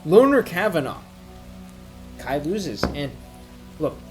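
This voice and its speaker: A man giving a casual, off-the-cuff sports rant, rambling and thinking aloud in halting bursts as if he has had a few drinks. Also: a little high, big pitch swings, music in the background, low-quality recording. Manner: drinking while ranting, tipsy rambling. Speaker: MMA commentator giving opinions.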